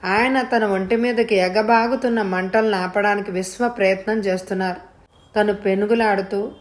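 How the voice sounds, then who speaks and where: A woman narrating a novel as a dramatic story, voicing the characters' cries herself. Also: medium pitch.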